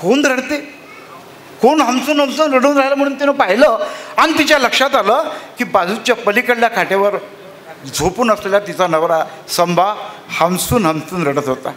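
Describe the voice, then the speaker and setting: A man's voice: very high-pitched, moderate pace, a bit bright. A man telling a rural story dramatically at a literary conference.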